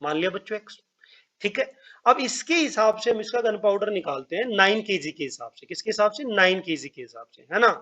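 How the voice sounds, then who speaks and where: A man's voice: sits high, lively intonation, sharp tone. A man teaching an online math lesson, talking to his pupils as children, repeating steps and checking that they follow while he writes. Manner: writes on screen while speaking, pauses and drawn-out words.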